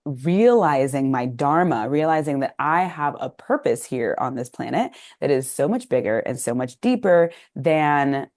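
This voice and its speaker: Woman from Texas, very deep voice, chatty reflective storytelling, podcast guest. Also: animated, measured pace, hardly any pauses, darkish tone. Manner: chatty, reflective, uses "like" often. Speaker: podcast guest, business coach. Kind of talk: casual interview storytelling.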